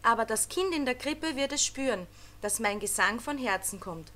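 A woman voicing fussy, know-it-all grown-up angels in a storybook reading, brisk and lecturing. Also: on the high side, expressive, pushed and bright. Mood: encouraging.

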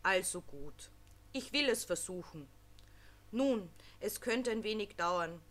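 A fretful old Snow King hems and haws in a children's storybook, as a woman puts him on. The voice is bright and a touch lower than the reader's own, with halting, hesitant phrasing. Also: animated. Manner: hesitant, fussy.

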